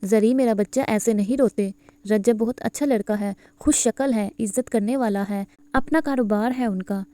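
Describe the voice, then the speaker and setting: A woman voicing a worried, gentle mother. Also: on the high side, no room sound, lightly acted. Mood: soothing. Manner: soothing, anxious. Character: worried middle-aged mother, gentle but helpless.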